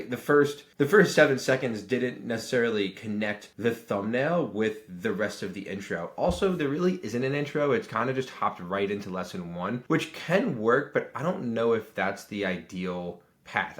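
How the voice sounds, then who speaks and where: A man with a fairly low voice talks through a video critique in a loose, off-the-cuff way. He leans on filler words and restarts his sentences often. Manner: rambling, heavy on filler "like" and restarts. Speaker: YouTube strategy reviewer. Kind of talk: casual video critique commentary.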